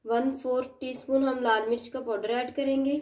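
High-voiced woman calmly guiding a recipe. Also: moderate pace. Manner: calm, explains each step with "ye dekhiye". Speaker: cooking channel host. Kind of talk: step-by-step cooking instructions. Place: home kitchen.

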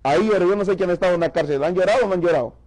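A man's voice: sits high, rapid-fire, a little mellow, rough recording. A man from Mexico preaching to a church congregation, giving an emphatic testimony and calling the listeners brother. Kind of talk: sermon testimony.

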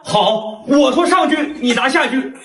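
A man voicing an excitable, theatrical classroom figure in a comedy cartoon parody. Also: very high voice, measured pace, full character voice. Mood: scolding. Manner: exclamatory, theatrical. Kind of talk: comedy skit dubbing. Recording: echoey, distant from microphone.

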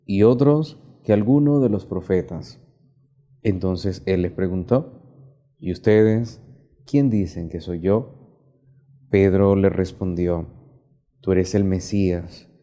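A man in his thirties, a priest, reading the gospel and preaching a homily in a measured, teaching way with repeated questions to the congregation. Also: low voice, warm tone. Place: small indoor chapel.

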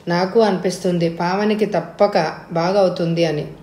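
Storybook role: gentle, determined young man, polite and earnest; a woman reads him. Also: on the low side, fairly even intonation, moderate pace, reverberant, natural voice.

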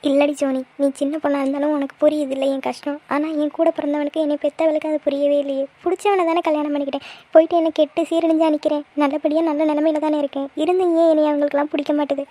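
A woman's voice: high voice, level tone, quick pace, a little mellow. A woman voicing a tearful middle-aged aunt. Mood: grieving. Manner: sorrowful, pleading complaints. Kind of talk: cartoon voice acting.

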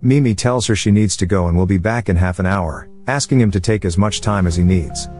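A man reading a scripted movie recap as narrator, with a steady, even storytelling delivery. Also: sits low, brisk, soft background music.

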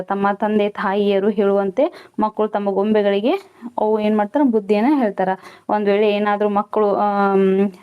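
A woman's voice: mid-range voice, clean tone, muffled recording. A woman teacher explains a school lesson, asking questions and then answering them herself.

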